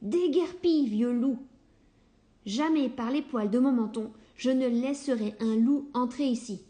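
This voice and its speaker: A woman voicing a lazy, rude little pig who shouts insults at a kind wolf in a storybook tale. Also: fairly high pitch, lightly acted. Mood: rude shouting. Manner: shouting, quick and insolent. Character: rude, loud, lazy little piglet boys.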